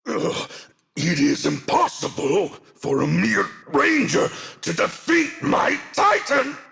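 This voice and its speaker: General Martin Cross, gravelly slow-talking villain. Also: male voice, high voice, very animated, bright, forceful tone, heavily acted. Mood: enraged. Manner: grandiose, sneering, deliberate. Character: menacing male general, megalomaniacal cold villain. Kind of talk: theatrical video game villain acting.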